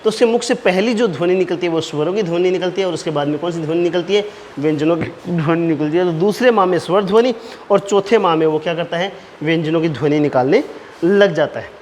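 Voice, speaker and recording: A man teaching an exam-prep lecture, explaining point by point and slowly dictating key phrases, repeating them. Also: on the high side, a little mellow. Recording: reverberant room with faint noise.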